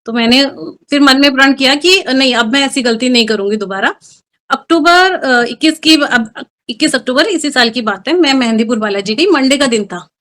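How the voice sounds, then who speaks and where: A middle-aged woman with a high voice tells her own story in an interview. She speaks earnestly and with feeling, dropping English words into her sentences as she goes. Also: moderate pace, a bit bright. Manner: emotional, earnest storytelling with Hindi-English mixing. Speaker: guest. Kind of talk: personal testimony interview.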